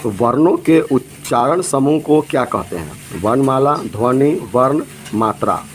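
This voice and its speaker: A man's voice: medium pitch, animated, unhurried, a little hiss or hum, poor audio. A man teaching an exam lesson, reading out each multiple-choice question and its options, then giving the correct answer.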